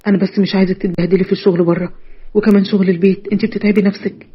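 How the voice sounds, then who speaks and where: Woman putting on a tender Egyptian dad, slightly lower voice, quick, breathy, dull lo-fi sound. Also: level tone. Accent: Egyptian Arabic. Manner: soft, tender, reassuring. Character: gentle aging father, loving and protective.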